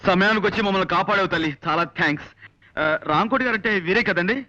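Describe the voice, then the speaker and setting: A man's voice: sits high, fast talker, pushed and bright, lo-fi sound. An actor playing a polite but exasperated young man who is hunting for an address and pleading for help. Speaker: visitor searching for someone.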